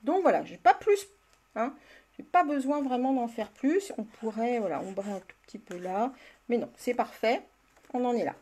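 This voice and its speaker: A chatty woman demonstrating a card-making craft in a live tutorial, her voice sitting a little high. She talks to her viewers by name as she works and laughs easily. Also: animated, moderate pace, dark tone. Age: older.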